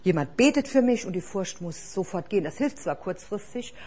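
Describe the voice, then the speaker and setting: Earnest breathy woman preaching. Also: mid-range voice, expressive, brisk, warm tone. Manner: earnest, exhorting, with rhetorical questions. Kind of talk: sermon.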